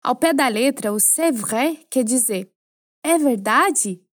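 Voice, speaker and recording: A woman with a high voice and a Brazilian Portuguese accent gives a French lesson. She explains each phrase in a clear, teacherly way and keeps prompting the listener to repeat after her. The recording is close and dry. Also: animated, slow, no echo.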